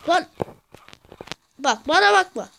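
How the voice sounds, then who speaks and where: A woman giving rowdy gameplay commentary, cursing and yelling at the game as she plays. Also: very high voice, animated, slow pace, vocal fry, a little hiss or hum. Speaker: gamer.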